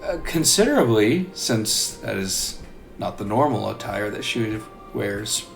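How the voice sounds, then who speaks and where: A game master narrates a tabletop role-playing game, taking it slowly at a middling pitch. Faint music plays behind the voice. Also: big pitch swings, vocal fry.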